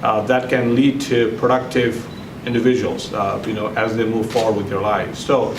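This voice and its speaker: A man from Nepal, a new center director, thanking sponsors at a ceremony in a halting way with many fillers. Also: lowish voice, little pitch movement. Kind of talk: ceremony speech. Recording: echoey room from far off, noisy.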